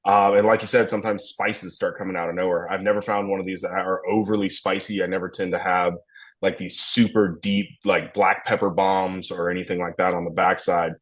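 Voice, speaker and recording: A man's voice: deep voice, level tone, brisk, a bit bright. A young man, a distillery blender talking through a tasting in a rambling, enthusiastic way. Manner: rambling, enthusiastic, lots of fillers. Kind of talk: casual tasting talk.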